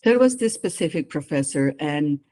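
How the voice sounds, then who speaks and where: Animated and fairly quick, with a slightly mellow mid-range voice, a psychologist guest talks in an interview about carrying out immigration evaluations. Their accent is a mixed non-native English one, and they explain earnestly while speaking openly about personal experience.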